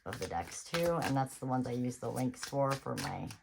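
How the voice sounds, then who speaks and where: A woman's voice: very deep voice, very animated, moderate pace, gravelly, noisy background. A woman giving a casual tarot reading on her channel, chatty and reassuring, thinking aloud as she goes. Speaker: tarot reader.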